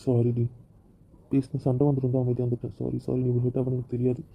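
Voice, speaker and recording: A man voicing the husband in an amateur romantic audio drama, often pleading softly. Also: mid-range voice, monotone, fast talker, vocal fry, husky. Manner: pleading, soft-spoken apologies. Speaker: audio drama narrator and lead voice. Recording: tinny phone-like audio.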